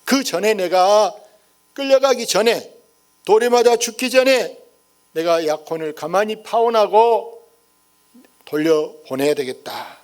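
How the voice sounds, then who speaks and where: A man's voice: sits high, animated, unhurried, long pauses. A male pastor preaching a sermon, telling a story and addressing the congregation directly.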